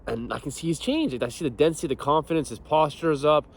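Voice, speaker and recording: A man's voice: fairly high pitch, fast talker, slight background noise. Blunt, profane young man coaching fitness. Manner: blunt, profane, laughs often. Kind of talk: casual motivational talk.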